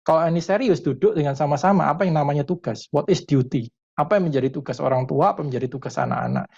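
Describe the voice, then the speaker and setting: A man, a parenting educator, answering a question in a webinar consultation, thoughtful and pausing often with fillers, mixing in English terms. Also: on the high side, very animated, gravelly, a little mellow, breathy edge, highs cut off. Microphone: video call.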